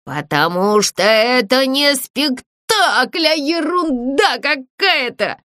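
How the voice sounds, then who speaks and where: Woman doing a pompous male theatre ghost, slow, drawn-out threats, lively high delivery, dry sound. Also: no room sound, exaggerated voice. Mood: menacing. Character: pompous male ghost, self-styled lord of a ruined theatre.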